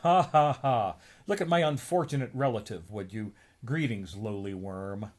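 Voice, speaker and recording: A man's voice: on the low side, normal speed, darkish tone, close to an everyday voice. A man voicing a smug, mocking gander cousin who sneers in a comic story. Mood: gloating.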